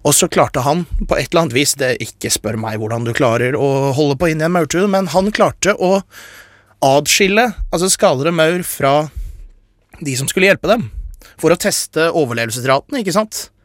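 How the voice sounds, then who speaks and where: A man's voice: fairly high pitch, lively intonation, no echo, clean studio sound. A man hosting a radio show, explaining science in a casual chat and getting carried away with enthusiasm. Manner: enthusiastic, gets carried away and talks fast.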